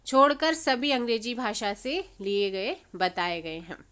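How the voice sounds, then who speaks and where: A woman's voice: a little high, expressive, measured pace, fairly bright tone, smooth. A woman teaching an exam-prep grammar lesson, mixing in English words and quizzing viewers with questions she answers herself. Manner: repeats her own questions and answers them, quizzing viewers; mixes English words into her speech.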